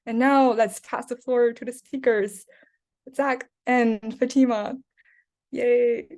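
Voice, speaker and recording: Speaking slowly in a fairly high, darkish voice with steady intonation, a young Chinese woman moderates a student club Q&A over video call. As the club's co-president, she keeps it casual, though she hesitates often and uses lots of fillers.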